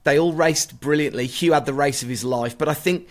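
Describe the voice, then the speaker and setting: A man's voice: on the high side, fairly quick. A man co-hosting a podcast, chatting and telling stories from the Winter Olympics. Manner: chatty, storytelling. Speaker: podcast co-host. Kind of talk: casual chat.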